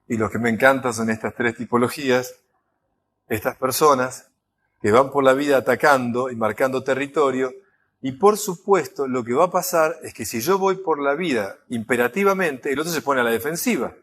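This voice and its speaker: A man with a Rioplatense accent giving an enneagram lecture, animated and conversational, constantly checking in with his listeners. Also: medium pitch, moderate pace. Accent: Rioplatense Spanish. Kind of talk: recorded lecture.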